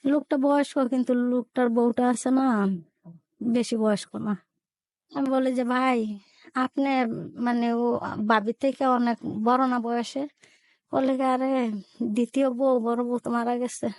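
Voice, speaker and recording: A middle-aged woman tells her own life story slowly and haltingly, circling back over her phrases. Her voice sits high with a gravelly fry. The recording is dry and close. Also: a little mellow, no echo. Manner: halting, repeats phrases, colloquial. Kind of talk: slow personal storytelling.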